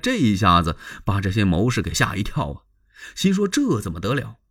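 A man's voice: on the low side, wildly swooping pitch, fairly quick, a bit bright, breathy edge. A man performing a traditional spoken story in a dramatic, conversational way with asides to the listener.

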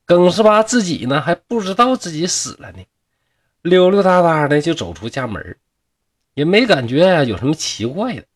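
Husky Northeastern Mandarin storyteller. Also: male voice, on the high side, big pitch swings, normal speed, no room sound, clean studio sound. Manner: chatty, rhetorical asides. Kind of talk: humorous folk-tale narration.

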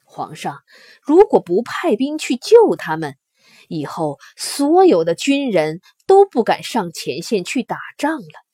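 A woman's voice: medium pitch, huge pitch swings, a little slow, dark tone, breathy edge, dry recording, studio quality, heavily acted. A woman voicing a grieving male court minister who pleads earnestly before the emperor. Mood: grave.

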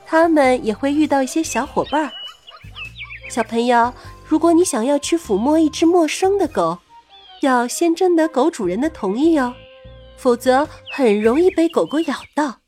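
A woman's voice: high-pitched, lively intonation, normal speed, a little mellow, soft background music. A woman narrates an educational children's script as a storyteller, as if reading to a toddler, addressing the little listener directly in simple words.

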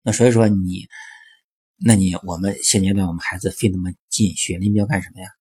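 A man's voice: low-pitched, steady tone, fairly quick, dark tone, husky, no room sound, clean studio sound. A man talking through English pronunciation in a chatty explanatory monologue, dropping in lots of fillers and rhetorical questions. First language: Chinese. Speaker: English teaching commentator.

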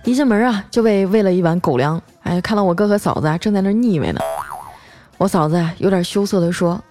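A woman's voice: medium pitch, fast talker, a little mellow. Woman comic storyteller, chatty and casual, faint music underneath. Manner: chatty, with frequent filler particles.

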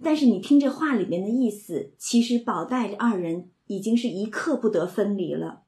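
A woman's voice: mid-range voice, normal speed, warm tone, reverberant. A woman explaining and retelling a classic novel in a conversational way, often slipping into the characters' lines and using many filler words. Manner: retells scenes, slips into quoted dialogue, frequent filler words. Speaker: literature commentator.

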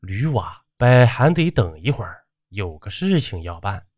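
A stern old country doctor talks firmly and bluntly, played by a male storyteller. His low voice moves through a lively range. It sounds dry and close. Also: measured pace, no echo. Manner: firm, blunt.

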